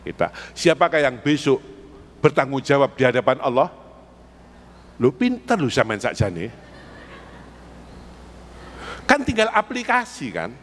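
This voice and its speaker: A man with an East Javanese accent and a fairly bright, mid-range voice preaches in a sing-song manner, a little slowly, with frequent pauses. His Islamic sermon in the mosque challenges the congregation with rhetorical questions, demanding responses. The sound carries the echo of the mosque hall.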